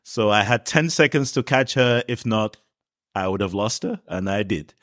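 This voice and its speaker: A man in his fifties, originally from Cameroon, talks through his story in an easy, unhurried interview style, full of small fillers. His voice sits on the low side. The sound is dry and close, with no room around it. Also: dry recording. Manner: relaxed storytelling with frequent fillers. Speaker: podcast guest. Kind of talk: casual interview talk.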